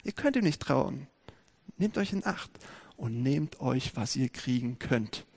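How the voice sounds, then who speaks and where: Man acting out a sly whispering tempter, hushed, insinuating, dropping low and quiet. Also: big pitch swings, measured pace, creaky, breathy edge, heavily acted. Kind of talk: preaching with acted quotes.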